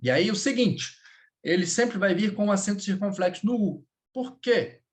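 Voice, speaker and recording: A man's voice: sits high, lively intonation, normal speed. A Brazilian man teaching French in a live lesson, speaking Portuguese with a Brazilian accent, patiently repeating words and checking in with his students.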